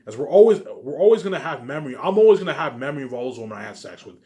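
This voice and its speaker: A vlogger delivers a rambling, unscripted monologue in a slightly high, dark-toned voice, racing along and very animated. He's emphatic and repetitive, circling back over his phrases and swearing now and then.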